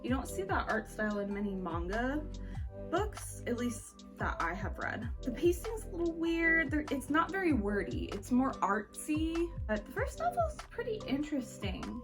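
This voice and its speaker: A book reviewer hosts a reading wrap-up vlog, giving a casual, chatty review with "like" peppered through her informal sentences. Her high-pitched voice swings widely in pitch at normal speed, with background music playing.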